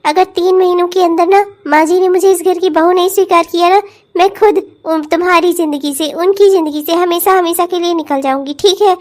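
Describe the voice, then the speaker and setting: A scheming young cartoon bride with a very high voice. She wheedles and teases her husband with cheeky confidence. Playful animated comedy. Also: brisk. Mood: coaxing. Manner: wheedling, cheeky, self-assured. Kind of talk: cartoon voice acting.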